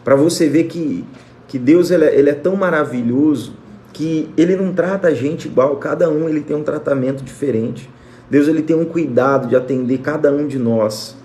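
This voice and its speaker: A man's voice: on the high side, normal speed, mellow, a little hiss or hum. A man with a Brazilian Portuguese accent preaching and praying fervently on a livestream, repeating blessings to his listeners. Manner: fervent, repetitive blessing of viewers by name. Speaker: pastor. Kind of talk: prayer and sermon on a livestream. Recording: echoey room with faint music.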